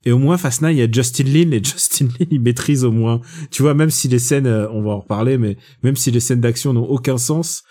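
A man talking films in a relaxed podcast chat. His voice sits at a middle pitch as he gives firm opinions and drops playful jabs at his co-host. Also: a little fast, hardly any pauses. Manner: opinionated, chatty, gently teasing. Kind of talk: casual film review chat.

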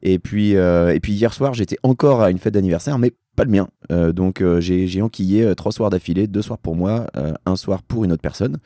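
A tired man with a voice gone hoarse from yelling at karaoke, chatting casually and at length as a talk show guest with dry, self-deprecating humour. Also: sits low, a little fast, hardly any pauses, no echo. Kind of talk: casual rambling chat.

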